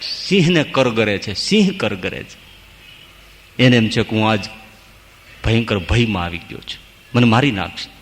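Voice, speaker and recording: Animated monk preaching in a hall. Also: male voice, on the low side, moderate pace, long pauses, slight background noise. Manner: animated storyteller, chanting rhymes. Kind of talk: devotional sermon with storytelling.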